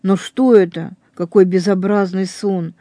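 A horrified young man in a storybook reading, pleading in anguish with a mellow, dark tone, as the reader puts him on. The recording is close and dry, with no room around the voice. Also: medium pitch, steady tone, unhurried, no room sound, lightly acted. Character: young man in terror over a crime he plans.

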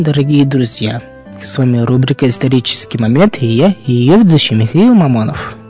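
A man's voice: medium pitch, a little mellow. A man presenting a history segment, reading scripted narration as a radio host.

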